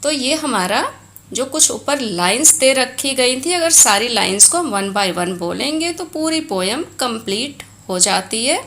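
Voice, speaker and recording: Indian-accented woman teacher going over a textbook, slow and careful, voice bounces around a lot, mixes hindi and english. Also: a little high, expressive, fairly bright tone. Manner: explains in Hindi mixed with English, reads Sanskrit aloud slowly. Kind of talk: textbook lesson.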